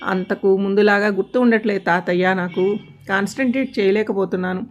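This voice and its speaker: A woman's voice: mid-range voice, steady tone, fairly quick, muffled recording, soft background music, natural voice. A woman voicing a tender-hearted young schoolgirl who explains herself with earnest, pleading questions.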